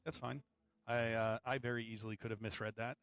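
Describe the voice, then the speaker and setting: A man's voice: medium pitch, level tone, brisk, fairly bright tone, clear, resonant tone. A man hosting a live pool match stream, chatting casually with viewers between shots with joking asides. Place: pool hall.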